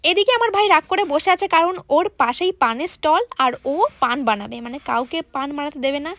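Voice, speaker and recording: A woman's voice: high-pitched, lively intonation, fast, a bit bright. A woman narrating a vlog voice-over in an upbeat, persuasive way. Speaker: vlogger. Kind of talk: voice-over narration and product promotion.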